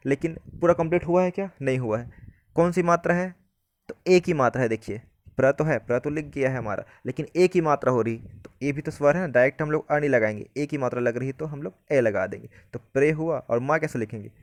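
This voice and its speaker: A man teaching a Hindi grammar lesson, explaining step by step and often asking whether it is clear. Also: medium pitch, a little fast, no room sound.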